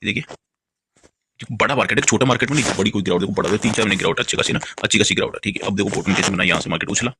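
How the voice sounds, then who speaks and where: A man's voice: fairly low pitch, background noise. A man walking viewers through market charts, rambling and constantly pointing out "look here". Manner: repeatedly points things out, keeps saying "look here"; rapid rambling explanation with fillers and restarts. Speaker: stock market analyst. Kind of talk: screen-share chart walkthrough.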